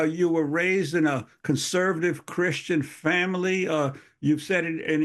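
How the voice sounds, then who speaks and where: A man co-hosting a news show, asking a guest a long question in a halting way. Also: on the high side. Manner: halting, stumbling over words. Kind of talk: interview question.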